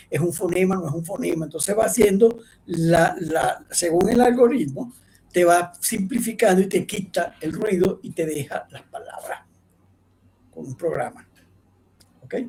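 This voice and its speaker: Gravelly man lecturing online. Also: on the high side, a little mellow. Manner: rambling, many restarts and "¿ok?" checks.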